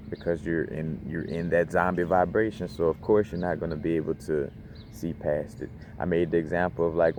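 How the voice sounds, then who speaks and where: Deep-voiced man, loose slangy spiritual talk. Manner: loose, rambling, slangy, lots of "you know what I'm saying". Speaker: crystal channel host. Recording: noisy background hum.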